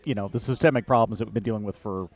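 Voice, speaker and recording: A man co-hosting a casual politics podcast, talking in a relaxed, halting way with many fillers and restarts. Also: on the low side. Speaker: podcast co-host. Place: outdoor beer garden.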